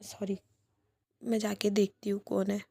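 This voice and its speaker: A whispered role-play figure: a nervous young woman who hesitates before she speaks, as a woman telling the story puts her on. Her whisper is breathy and hushed, unhurried, with little rise and fall. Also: mid-range voice, little pitch movement. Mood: sassy.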